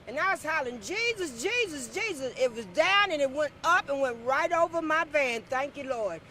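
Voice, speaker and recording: High, bright Southern American woman, emphatic. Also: lively intonation, a little fast. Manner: emphatic, folksy, devout. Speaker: eyewitness interviewee. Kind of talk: animated eyewitness account. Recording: faint outdoor noise.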